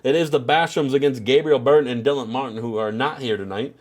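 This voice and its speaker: A man speaks fast in a mid-range voice, nose congested, offering off-the-cuff commentary on a wrestling game. He rambles, dropping "you know" and "at the end of the day" again and again.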